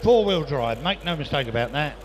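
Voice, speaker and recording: A man's voice: on the high side, expressive, brisk. A man working as an auctioneer, chanting repeated prices and bid calls in patter at a live sale. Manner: repetitive patter of prices and bids. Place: busy auction sale room.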